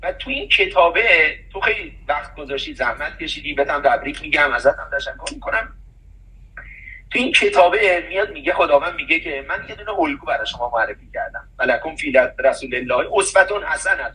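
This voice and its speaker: High bright-voiced man talking from far off. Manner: animated and preachy, quoting verses. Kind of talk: casual chat.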